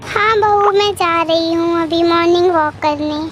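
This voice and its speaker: A woman's voice: very high voice, a little slow, background noise. A woman voicing a plump, food-loving older mother-in-law in a cartoon story, grumbling and complaining. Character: greedy, plump older mother-in-law who hates dieting.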